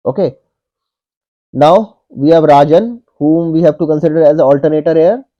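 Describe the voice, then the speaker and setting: Male tutor, 30s, slightly high voice, methodical step-by-step walkthrough, dull lo-fi webcam audio. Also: normal speed. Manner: methodical, repeats each step and says "okay" often. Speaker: online tutor. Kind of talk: whiteboard puzzle walkthrough.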